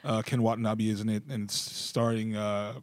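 A man's voice: lowish voice, little pitch movement, moderate pace, no echo. A man co-hosting a casual podcast chat, laid-back and full of fillers. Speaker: podcast co-host.

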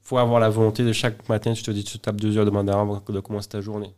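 Guy chatting in an interview, low-ish voice, keeps repeating words, trips over himself a lot. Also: little pitch movement, racing, a little mellow. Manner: hesitant, many repeated words and restarts. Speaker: interview guest. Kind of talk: casual conversation.

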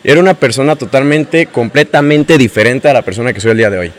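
A young man with a Mexican accent, casually telling his own story as a guest, slangy and animated, acting out the dialogue he quotes. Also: medium pitch, fast. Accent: Mexican Spanish.

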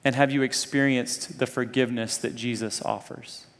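With a medium pitch, fairly even intonation, and normal speed, a man from Zambia and Kenya preaches to students. He's earnest and conversational, repeatedly asking the listeners rhetorical questions, and the recording carries a long hall reverb.

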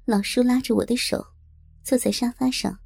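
A woman reading a first-person adult audio novel in a steady, intimate storytelling manner. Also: a little high, moderate pace, creaky, breathy edge, no echo, studio quality. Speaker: narrator.

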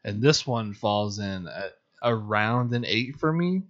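Low-voiced chatty man, dull audio. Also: animated, unhurried, a bit bright. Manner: laughs often, chatty. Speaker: podcast co-host. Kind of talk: casual podcast chat.

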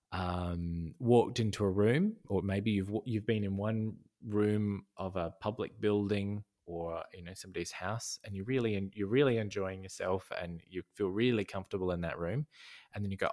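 A design educator appears as a guest on a podcast, speaking in a low, slightly mellow male voice. The conversation is casual, and he comes across as thoughtful, full of fillers and restarts.

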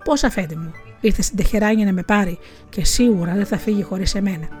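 A woman's voice: mid-range voice, darkish tone, soft background music, close to an everyday voice. A woman voicing a terrified male servant of a Persian lord, pleading and lamenting in a storybook tale.

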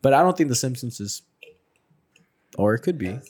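A man's voice: medium pitch, lively intonation, normal speed, crowd noise. A man co-hosting a podcast in casual, slangy, teasing chat with some swearing. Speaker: podcast co-host.

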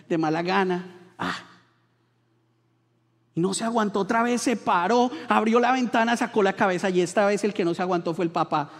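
A high-voiced Colombian man preaching a sermon from the pulpit, acting out the people in his stories. His voice carries a long reverb from the church hall around him. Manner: animated storytelling, acting out voices in quotes. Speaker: pastor.

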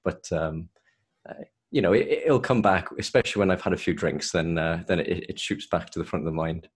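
A man with a soft South Welsh accent, chatting casually as a guest in an interview. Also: sits low, a little fast, husky. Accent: South Welsh, softened. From South Wales. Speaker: podcast guest, solicitor.

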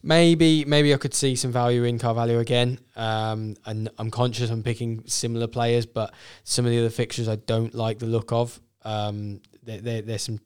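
A man's voice: mid-range voice, little pitch movement, moderate pace, few pauses, a little mellow, clean tone. A man chatting casually as a podcast guest, thinking aloud and correcting himself as he goes. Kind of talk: casual fantasy football chat.

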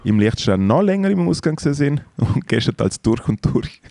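A man's voice: medium pitch, big pitch swings, brisk, creaky, dark tone, no echo. A young Swiss German man, a musician and podcast co-host, talking in a laid-back, hesitant way with dry humor. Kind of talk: casual banter.

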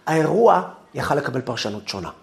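A man, a rabbi, giving a Torah lesson who acts out angry inner voices and lets his phrase ends sink low and soft. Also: big pitch swings, gravelly. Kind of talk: Torah lesson on the weekly portion.

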